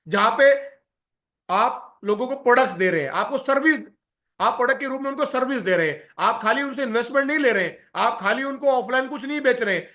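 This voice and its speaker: A man with a very high, bright voice leads a business seminar. He explains each term in turn, pausing on fillers and slipping English phrases into his talk. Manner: explanatory, lists terms, frequent filler pauses, mixes English phrases.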